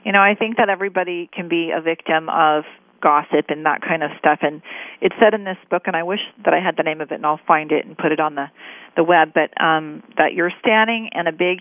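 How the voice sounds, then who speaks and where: A woman's voice: sits low, no echo. A woman hosting a radio interview, speaking to her guest in an enthusiastic, friendly way. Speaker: radio host. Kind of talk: casual interview talk. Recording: phone-like radio sound.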